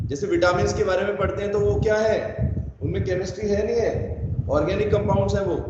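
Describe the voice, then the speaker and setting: Stern guy teacher scolding his online class, highish voice, roomy lo-fi call sound. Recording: echoey, dull online call audio with noise.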